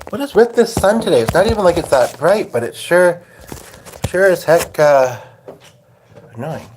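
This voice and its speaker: Over some background noise, a man originally from Hungary talks expressively at a moderate pace, his voice a little high. He's at his piano at home on a casual live stream, rambling to viewers while getting ready to play, using a phone as his microphone.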